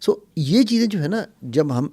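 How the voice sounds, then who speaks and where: A man, explaining relationships as a coach in an emphatic, animated conversational way, slipping English phrases into his talk. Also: on the high side. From Pakistan. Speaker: mind coach and NLP trainer.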